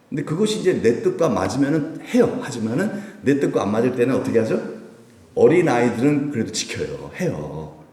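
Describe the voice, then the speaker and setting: A man in his fifties preaching a sermon at a Wednesday prayer meeting, conversational, with rhetorical questions and sudden jumps in pitch. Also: dark tone. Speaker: pastor. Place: church sanctuary. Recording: echoey church hall, mic from a distance.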